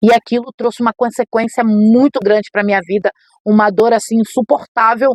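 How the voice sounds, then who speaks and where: A middle-aged woman, a podcast guest and missionary preacher, telling an emotional personal testimony with animated storytelling. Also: a little high, brisk, no echo. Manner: animated storytelling, acts out quoted voices.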